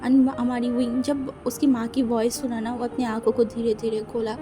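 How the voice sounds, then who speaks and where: A woman's voice: a little high, little pitch movement, moderate pace. A woman casually narrating a romance fan-fiction story, rambling with many fillers. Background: faint music.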